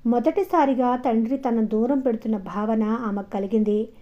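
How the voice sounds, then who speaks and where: A woman storyteller reading a short story aloud in a calm, measured way, in a dull, lo-fi recording. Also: on the high side. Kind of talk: audiobook story narration. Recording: dull lo-fi audio.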